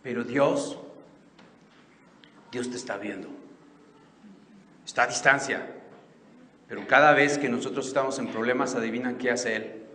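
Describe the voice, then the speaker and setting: Slow, emphatic preacher, middle-aged man. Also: medium pitch, slight background noise. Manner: slow and emphatic, swings between soft and loud. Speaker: pastor. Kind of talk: sermon. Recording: echoey reverberant church hall.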